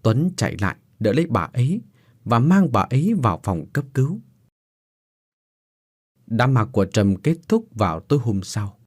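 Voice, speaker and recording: A man narrating a scripted ghost story in an expressive, dramatic way. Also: medium pitch, moderate pace, pauses often. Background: faint background music.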